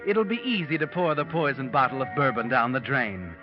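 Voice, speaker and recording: A man's voice: medium pitch, sing-song, a little fast, natural voice. A man voicing a mysterious narrator who speaks ominously to the guilty in a 1940s radio drama. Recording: dull old radio broadcast with music.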